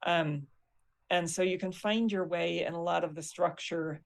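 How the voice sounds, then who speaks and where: A woman's voice: fairly low pitch, steady tone, a little slow, creaky. A woman linguistics professor, a guest on an interview, explaining patiently on a video call. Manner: explains patiently with teacherly asides. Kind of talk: casual interview chat.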